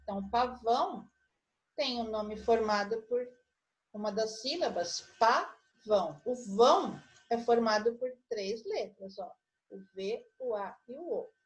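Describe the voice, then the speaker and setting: A woman's voice: fairly high pitch, expressive, a little slow. A middle-aged woman with a Brazilian Portuguese accent, teaching an online lesson for children and patiently spelling out syllables and clues step by step. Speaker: primary school teacher.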